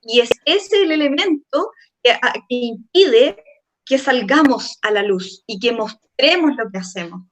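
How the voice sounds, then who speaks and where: Earnest female trainer, reflective seminar delivery, slightly high pitch. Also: animated, a little slow. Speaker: communication trainer. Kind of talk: online seminar talk.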